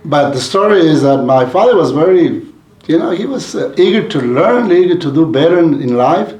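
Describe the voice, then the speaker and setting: In an echoey, roomy recording, a community leader from Mexico rambles through his life story for an interviewer, restarting often and using lots of fillers. He sounds a little high and a little mellow, animated, at a moderate pace.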